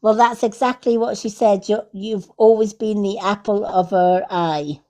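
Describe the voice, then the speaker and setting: A Scottish woman with a mellow, medium-pitched voice hosts a livestream as a psychic medium, giving casual spiritual readings at a measured pace and in a steady tone. She is affirming, repeats herself, and often checks in with "right?".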